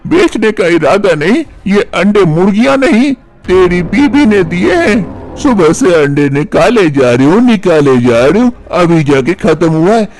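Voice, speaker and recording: A man's voice: high-pitched, sing-song, measured pace, a little mellow, faint music behind, voice pushed up, heavily acted. A man doing a bossy scolding mother-in-law. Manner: nagging, scolding.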